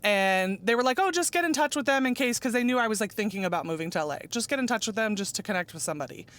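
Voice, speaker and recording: Chatty woman in her forties, smooth voice. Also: mid-range voice, animated, very fast, fairly bright tone. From Arizona. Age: 40s. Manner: chatty and upbeat, laughs often, acts out quotes. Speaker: interview guest, dance ministry leader. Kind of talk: casual chat.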